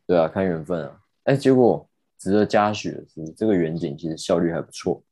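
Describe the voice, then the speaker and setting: A young man, telling a story in casual podcast chat, animated and indignant, with casual swearing. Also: low-pitched, brisk, breathy edge, no room sound. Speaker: podcast host.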